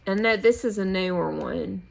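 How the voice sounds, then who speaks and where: An American woman showing her needlework at home in a relaxed, meandering way with pauses and restarts. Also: mid-range voice, gravelly. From United States. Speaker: flosstube host. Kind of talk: casual show-and-tell chat.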